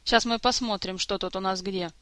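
A woman voicing a grumbling, sarcastic male jester and thief in an audiobook story, gruff and mocking. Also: sits high, steady tone, normal speed, pushed and bright, no echo.

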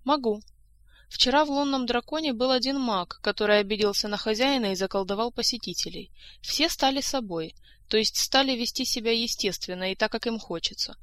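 A sincere young woman who explains things earnestly, put on by a woman reader. The voice sits a little above the reader's usual pitch. She sounds gentle and open. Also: a little fast, dry recording, lightly acted.

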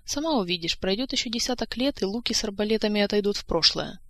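A woman plays a spirited young woman in an audiobook. She talks eagerly and indignantly, pushing her voice a little higher. The recording is close and dry. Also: lively intonation, fast talker, fairly bright tone, no echo. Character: lively, outspoken young woman from another world. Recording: dry close-mic studio sound.

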